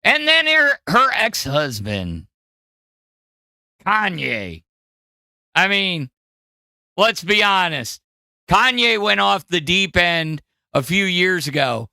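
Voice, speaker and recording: A man hosting a podcast in casual, profane commentary, animated and jumping between loud outbursts and mumbles. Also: high-pitched, slow pace, gravelly, pauses often, no echo. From Wisconsin. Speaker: podcast host. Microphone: studio mic in front of green screen.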